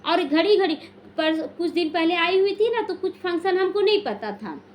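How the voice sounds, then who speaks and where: A woman giving a slow, calm devotional talk as a spiritual teacher, teaching through stories and often restarting her words. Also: very high voice, a little hiss or hum.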